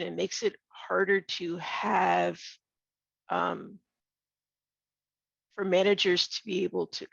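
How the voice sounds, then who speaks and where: Hoarse, blunt woman on a video call. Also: fairly low pitch, dry recording, dull audio. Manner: blunt, candid, halting with restarts. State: losing her voice. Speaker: webinar participant. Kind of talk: casual discussion on a video call.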